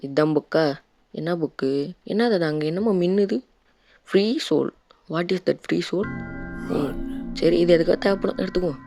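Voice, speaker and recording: A man's voice: fairly high pitch, normal speed, creaky, pauses often, music in the background. Tamil man, gaming youtuber, casual commentary, chatty, playful scolding. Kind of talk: casual let's-play commentary.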